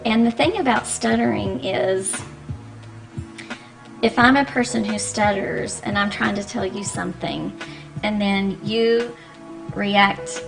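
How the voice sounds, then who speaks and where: On a radio talk show, a woman speech-language pathologist appears as a guest, explaining each point in a patient, measured way with pauses and ums. Her pitch is mid-range, and music plays clearly beneath her in the studio.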